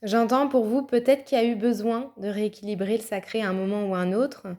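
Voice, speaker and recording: A woman's voice: medium pitch, fairly even intonation, fairly quick, dark tone. A woman giving a casual, chatty tarot card reading, thinking aloud with fillers and little laughs. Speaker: tarot reader.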